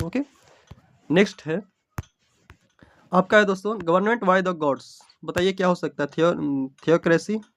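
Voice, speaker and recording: High-voiced man teaching exam English. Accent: Bihari Hindi. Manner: explains in Hindi, reads English options aloud, calls viewers "friends". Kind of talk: exam-prep lesson.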